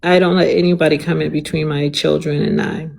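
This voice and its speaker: A woman's voice: deep voice, steady tone, fairly quick, gravelly, a little mellow. Female panel guest, flirtatious and teasing, casual conversational delivery, inquisitive streak.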